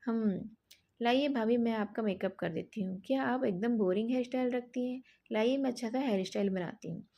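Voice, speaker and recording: A woman narrator voicing a spoiled, fashion-obsessed young woman who talks down to others in a loud, scornful way. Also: on the high side, brisk, creaky. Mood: mocking.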